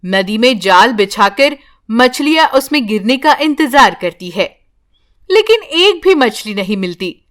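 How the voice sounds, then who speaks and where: A woman narrating a children's storybook cartoon in a calm, scripted way. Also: a little high, unhurried.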